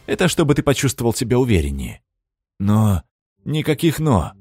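A man's voice: mid-range voice, big pitch swings, moderate pace, slightly rough, dry recording, soft background music. A man voicing a cold, commanding young witch woman in an audiobook, with a mocking, imperious manner. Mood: cool. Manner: imperious, mocking, sharp-tongued. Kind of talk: audiobook character voice.

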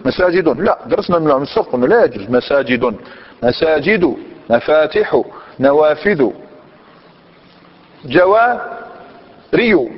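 Male grammar teacher, fairly high voice, quizzes his students, lo-fi recording with long echo. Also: breathy edge. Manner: questions the class and repeats answers. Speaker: Islamic scholar teaching Arabic grammar. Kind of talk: classroom grammar lesson. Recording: dull lo-fi recording in a reverberant hall.

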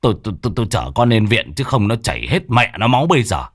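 A man voicing a hot-tempered old village man who shouts curses. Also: fairly low pitch, sing-song, fast, no echo, clean studio sound. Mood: frantic.

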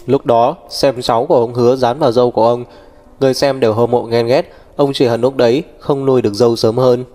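A man's voice: medium pitch, steady tone, quick pace, soft background music, lightly acted. A man doing a doting old great-grandfather. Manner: warm, fussing and cheerful.

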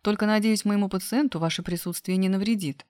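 A woman's voice: mid-range voice, fairly even intonation, quick pace, darkish tone, no room sound, clean studio sound, pitched above the performer's own voice, close to an everyday voice. A woman reading aloud, voicing a serious, formal male doctor. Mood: doubtful. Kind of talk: audiobook character voice.

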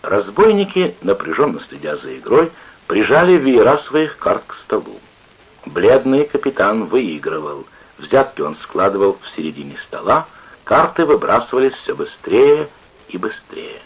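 Lively, husky male storyteller. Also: fairly low pitch, measured pace. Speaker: narrator. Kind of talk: dramatic reading of a story. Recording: lo-fi old radio recording.

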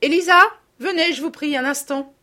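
Woman reader as strict calm guardian lady, measured and severe, lively pitch. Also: lightly acted. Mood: calm, stern. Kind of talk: audiobook reading.

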